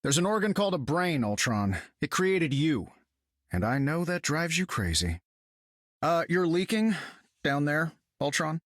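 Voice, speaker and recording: A man's voice: on the high side, very animated, a little slow, a bit bright, no room sound, studio quality. A man voicing a confident, wisecracking inventor superhero in a video game, wry and casual. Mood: sardonic. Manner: wry, casual, self-assured. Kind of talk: video game character acting.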